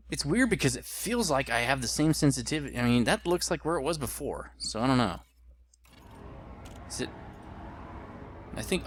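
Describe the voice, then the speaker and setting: A man's voice: mid-range voice, fairly bright tone, a little hiss or hum. A man in his late thirties giving casual gameplay commentary, rambling and thinking aloud as he plays. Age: late 30s. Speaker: gaming video host.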